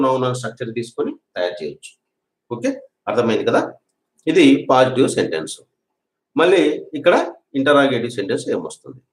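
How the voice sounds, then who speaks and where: A man teaching a spoken English grammar lesson, patiently repeating example sentences slowly for learners to drill. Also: mid-range voice. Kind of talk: classroom-style grammar lesson. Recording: echoey room.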